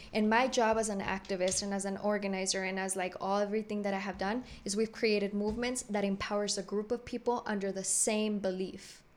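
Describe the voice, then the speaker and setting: A woman activist and organizer in a podcast discussion, assertive and emphatic, often checking for agreement. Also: medium pitch.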